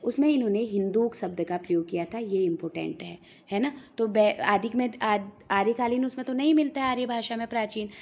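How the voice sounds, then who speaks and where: Female teacher, warm and mellow tone, patient exam-prep lecturer who repeats points and checks understanding. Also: fairly high pitch, brisk, creaky, few pauses.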